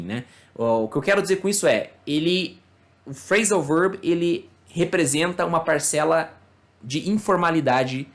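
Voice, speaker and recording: Brazilian man teaching with many fillers. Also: a little high. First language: Portuguese. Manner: explains slowly with many fillers and tag questions. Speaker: English teacher. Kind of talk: casual online lesson.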